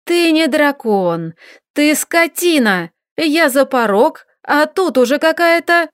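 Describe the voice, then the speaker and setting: A woman's voice: high voice, very animated, slow, no echo, studio quality, pitched above the performer's own voice, full character voice. Woman voicing a furious, indignant young woman. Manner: shouting accusations, indignant. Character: furious young woman scolding her lover.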